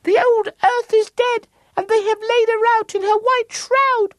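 Tiny twittering linnet birds. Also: male voice, fairly even intonation, measured pace, no echo, clean studio sound. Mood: gloomy. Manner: chirping falsetto.

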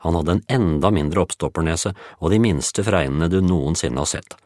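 A man's voice: deep voice, a little mellow, dry recording, studio quality. A man narrating a children's story in a playful storytelling cadence. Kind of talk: scripted audiobook narration.

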